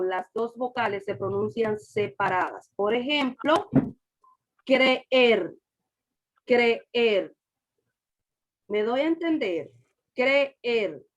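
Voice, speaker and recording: A woman teaching a class over a video call, patiently repeating examples and quizzing her students. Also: a little high. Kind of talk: online class lecture.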